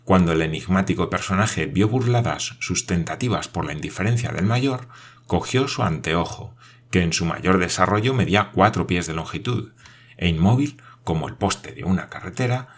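A male narrator with a very deep voice reads a novel aloud. His delivery is measured and even, a steady scripted audiobook reading. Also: breathy edge.

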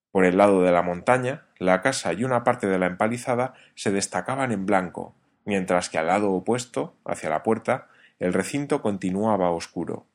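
A man narrating a novel as an audiobook, in a measured storytelling reading. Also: lowish voice.

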